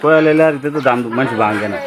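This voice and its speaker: A man, joining a cattle deal in casual, rapid, insistent talk. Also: medium pitch. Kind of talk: casual bargaining chat. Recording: loud outdoor crowd and chickens.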